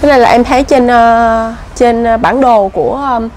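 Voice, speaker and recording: A woman's voice: on the high side, fairly even intonation, darkish tone, slight background noise. A woman hosting a casual travel vlog outdoors, asking questions and reading signs aloud. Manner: chatty, asks questions, reads signs aloud slowly. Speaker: vlog host. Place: outdoors at a heritage site.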